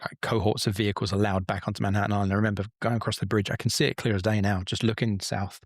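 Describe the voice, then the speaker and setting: Low-voiced man in his forties telling stories. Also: little pitch movement, fast talker, no room sound, studio quality. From England. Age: 40s. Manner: rambling, candid, swears casually. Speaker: podcast guest. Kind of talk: casual storytelling.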